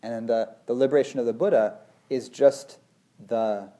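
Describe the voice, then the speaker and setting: A man's voice: mid-range voice, fairly even intonation, normal speed, mellow. A man in his forties, a meditation teacher, talking in a thoughtful, meandering way, full of "you know" and "like". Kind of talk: casual conversation.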